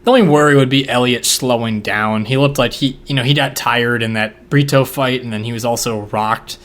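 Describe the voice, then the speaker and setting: A man's voice: medium pitch, steady tone, normal speed, fairly bright tone. A man co-hosting a fight-picks talk show, in loose casual chat that rambles with fillers and slang. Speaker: podcast co-host making fight picks.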